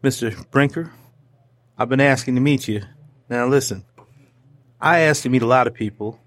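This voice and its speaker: A man in casual conversation who rambles from story to story, jokes often and stumbles over his words. He speaks at a middle pitch and tosses in little sound effects as he goes. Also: moderate pace, no room sound. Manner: animated, joking, rambling with restarts; throws in playful sound effects. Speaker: interview guest.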